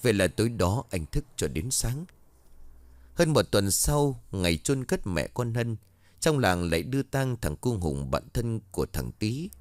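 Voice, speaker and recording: A man narrating a Vietnamese-style village ghost story in a measured, storytelling manner. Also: lowish voice, no echo.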